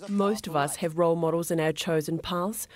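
A woman's voice: on the low side, steady tone, normal speed. A woman narrating a television profile in a polished, playful scripted voice-over. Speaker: programme narrator.

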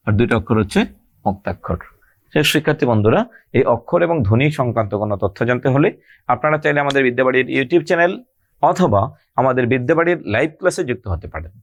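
Lively male teacher, dry close sound. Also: fairly high pitch, no echo. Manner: explanatory, repeats key terms slowly, addresses students directly. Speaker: exam-prep teacher. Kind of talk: grammar lesson lecture.

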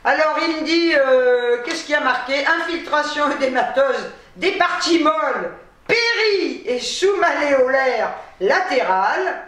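A woman's voice: high-pitched, lively intonation, unhurried, a bit bright, recorded from a distance. Tired chatty woman in an echoey room. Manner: chatty, exasperated, laughing asides. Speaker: vlogger. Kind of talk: casual storytelling to camera.

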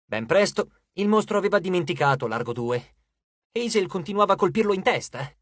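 An audiobook narrator giving a lively, dramatic scripted reading on a close studio mic. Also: medium pitch, a little fast, dry recording.

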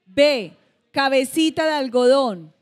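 A woman co-hosting a TV game show, reading quiz questions in a measured, clear way. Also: high voice, expressive.

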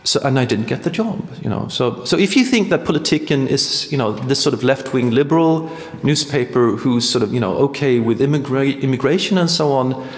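This performance artist, a Swedish-accented man in his thirties from Sweden, tells a meandering story riddled with false starts and hesitations. His mid-range voice moves briskly with lively intonation and few pauses, picked up by a stand mic in a big hall that gives an echoey, long-reverb sound.

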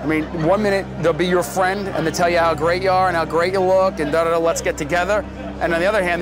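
A man, an options trader, talking bluntly and cynically in a candid interview. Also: on the high side. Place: busy trading floor. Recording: noisy trading floor, music behind.

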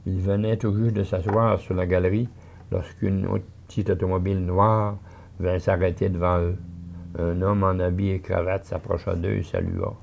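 A man's voice: deep voice, flat delivery, normal speed, vocal fry, darkish tone, dull audio, a little hiss or hum. An older man with a Québécois accent reading a story aloud, with folksy chatty asides. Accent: Québécois French.

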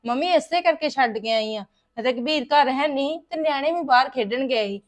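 In a domestic web drama scene, a woman speaks in a high, lightly acted voice as a married daughter griping to her mother about the in-laws. She sounds aggrieved and complains quickly.

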